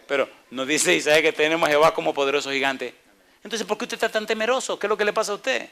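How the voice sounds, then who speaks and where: A male pastor with a mid-range voice preaches a sermon with animated delivery. He asks the congregation questions and acts out dialogue in playful voices.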